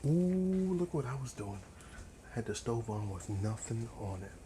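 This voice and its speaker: Cooking indoors at home, a man hosts an ASMR-style cook-along, chatting casually and drawing out and repeating words for fun. His mid-range voice swings widely in pitch at a moderate pace, over background noise.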